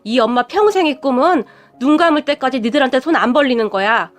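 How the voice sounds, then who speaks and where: A woman's voice: sits high, animated, a little fast. A woman voicing a weary, proud middle-aged mother who works as a housekeeper, talking in a stubborn, sighing way.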